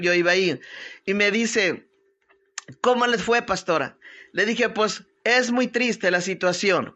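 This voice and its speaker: Hosting a live prayer stream online, this pastor speaks in a forceful, strong mid-range voice. Her devotional talk is informal, mixing prayers and greetings with chatty asides, and she often pauses to find the right words, sprinkling in amens and questions like "right?"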